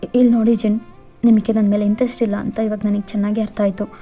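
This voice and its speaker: A woman's voice: mid-range voice, level tone, fast, mellow, faint music behind, close to an everyday voice. A woman doing a fiery, indignant young bride. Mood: hurt, upset. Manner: pleading then defiant, emphatic.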